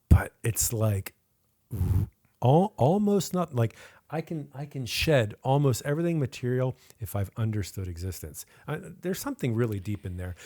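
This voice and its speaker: A man's voice: mid-range voice, darkish tone. A man co-hosting a casual podcast chat, who laughs easily and often restarts his sentences. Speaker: podcast co-host.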